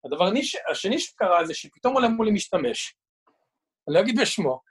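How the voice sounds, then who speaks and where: Deadpan man in his sixties, high voice. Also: breathy edge. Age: 60s. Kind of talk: casual chat, reading out messages.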